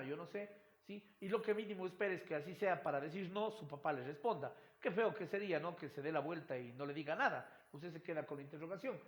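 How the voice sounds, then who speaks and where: A male teacher giving a recorded lecture, often checking in with "right?" and repeating phrases as he explains. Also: sits high. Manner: checks in with "right?" and "yes?" after points; repeats words and restarts phrases. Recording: roomy echo.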